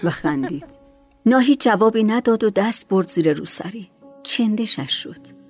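A woman narrating a story in a soft, hushed reading voice. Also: medium pitch, expressive. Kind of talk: audiobook narration. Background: faint music.

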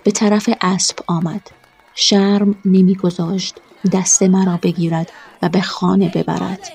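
Husky, mellow-voiced woman narrating. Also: lowish voice, little pitch movement. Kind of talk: scripted narration of a first-person story.

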